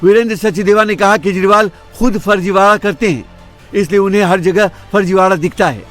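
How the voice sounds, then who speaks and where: A man's voice: high voice, brisk, a bit bright, soft background music. A man reading scripted news narration.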